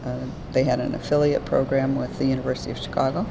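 A woman in her seventies from New York State, a retired pastor, thinking aloud slowly with many pauses and fillers in an oral history interview. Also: a bass voice, little pitch movement, gravelly. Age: 70s. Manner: thoughtful, halting with many fillers. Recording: noisy background hiss.

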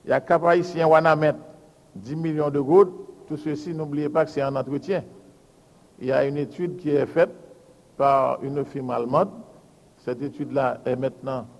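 A man, a public works official giving a formal budget presentation and reading out lists of figures in a measured, deliberate way. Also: a little high, fairly even intonation. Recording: hall with long reverb.

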